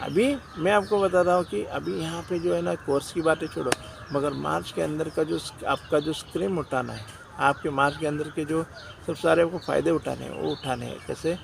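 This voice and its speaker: An Indian man with a gravelly, slightly high voice coaches insurance agents in a direct, repetitive way. He keeps calling them friends as he pushes his point. Faint outdoor noise sits behind him. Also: normal speed. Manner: direct, repeats phrases, often says "dosto". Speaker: insurance sales trainer. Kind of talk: motivational sales talk to agents.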